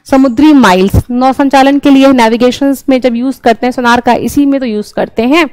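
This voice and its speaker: A woman's voice: sits high, moderate pace, a little mellow, clean tone, dry recording, poor audio. A young woman teaching an exam-prep class, explaining each answer step by step and often checking in with her listeners. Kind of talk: exam-prep lesson, solving questions.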